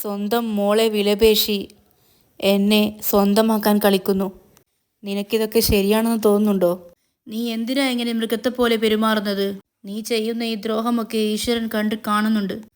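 A woman voicing a distraught captive mother pleading for her daughter and accusing her captor, in a smooth voice. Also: on the high side, fairly even intonation, normal speed, darkish tone, natural voice.

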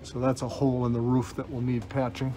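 A man's voice: mid-range voice, monotone, a little fast. A man giving a casual, offhand walk-through, rambling a little and dryly joking, his voice slightly muffled through a face mask. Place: inside an old bus at a scrapyard. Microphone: handheld phone. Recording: noisy handheld phone recording, vehicle ambience.

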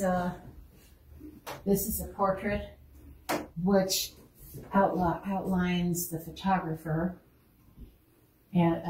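Here a woman with a low, dark-toned voice guides visitors around a museum room, chatting about each piece, lingering on exhibits and laughing readily. A distant mic picks her up, so the sound is roomy with a little background noise.

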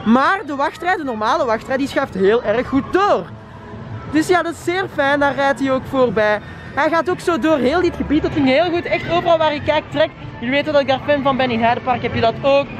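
Walking outdoors through a theme park, a man vlogs casually to camera, chatting with viewers and rating the rides, getting out of breath on a climb. His extremely high voice is expressive and brisk, recorded on a handheld camera or sometimes an arm's-length phone. Music plays over loud crowd and ride noise.

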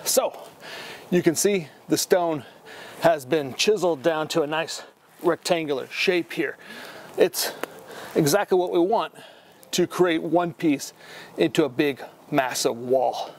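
A man presenting an art history lesson on camera, talking in a relaxed, conversational way with pauses. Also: on the high side, slight background noise. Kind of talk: casual on-camera explainer. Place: at his studio and on sites, partly outdoors.

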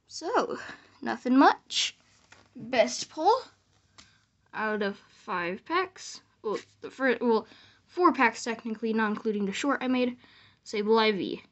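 A woman giving casual commentary as she hosts a card-opening vlog. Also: a little high. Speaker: card-opening video host. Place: small indoor room at home. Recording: clearly noisy, card wrapper crinkling. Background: noise, crinkling and clicks of card packs.

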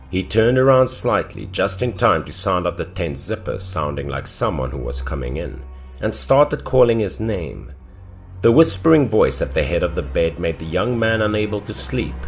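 A man with a very low voice tells a scary story in scripted narration. His delivery is animated, rising and falling through each line. Soft music plays quietly underneath. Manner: dramatic storytelling with swings in pitch and loudness.

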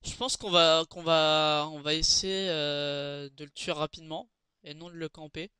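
A man talks through his game in a casual, chatty way, stumbling over fillers and restarting his sentences. His voice is bright and very clean, a touch high for a man. It is recorded close and dry, with no room sound. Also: little pitch movement, a little slow, smooth, no echo. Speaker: gaming channel host. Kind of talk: casual gameplay commentary.

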